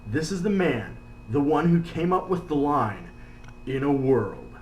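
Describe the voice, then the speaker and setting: A man's voice: on the high side, expressive, measured pace, a little mellow, faint music behind. A man reading scripted narration for a countdown video. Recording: roomy, echoey, faint background noise.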